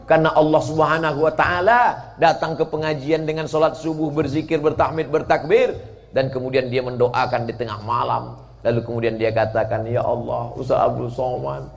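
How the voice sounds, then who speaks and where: A man preaching a sermon at a mosque gathering, jokey and animated, swinging from loud shouts to near-whispers. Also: medium pitch. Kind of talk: sermon at a mass religious gathering. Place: mosque event.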